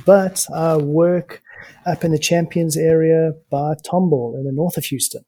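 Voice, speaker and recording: A real estate agent from England who was raised in South Africa answers interview questions in a friendly way, using fillers like "uh," with an accent mixing English and South African. His fairly high, dark-toned voice is steady and a little slow, with no echo, in an interview conversation.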